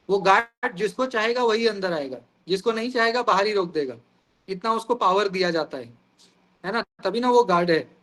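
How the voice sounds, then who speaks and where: A man's voice: high-pitched, fairly bright tone. A man teaching an online exam-prep class over a video call, explaining terms through everyday examples and often calling the students "guys".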